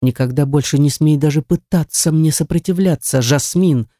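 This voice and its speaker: A woman voicing a jealous, cruel young man who snarls and sneers, in a dark, dry audiobook reading. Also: on the high side, moderate pace, dry recording, close to an everyday voice. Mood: menacing.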